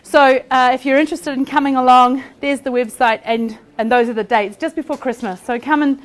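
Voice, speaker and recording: New Zealand woman, conference speaker, quick and chatty, self-deprecating, voice sits a touch high. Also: fairly even intonation. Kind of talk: academic conference presentation. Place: lecture hall.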